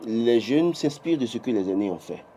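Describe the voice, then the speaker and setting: This man's medium-pitched voice has lively intonation and a dark tone, running a little fast over slight background noise. With a Beninese French accent, he gives political commentary on a morning TV press review, emphatic and full of restarts, his voice climbing when he insists.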